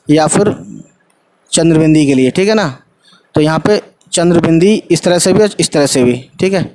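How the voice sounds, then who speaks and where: With a darkish tone and a voice on the high side, a man teaches Urdu casually online. Each word gets spelled out letter by letter, and he sprinkles in English fillers while speaking to viewers as "guys."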